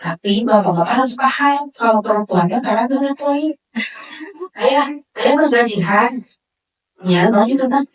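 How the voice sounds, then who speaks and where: Woman, high voice, lively marriage talk, acts out wives and husbands, distant mic in an echoey hall. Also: normal speed. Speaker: speaker at a religious study session.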